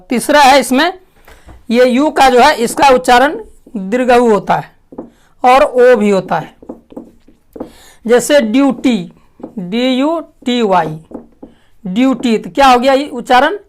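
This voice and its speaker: A woman teaching a language lesson, asking questions and answering them herself, clearing her throat often. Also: on the high side, slight background noise. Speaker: English teacher. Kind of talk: classroom lesson.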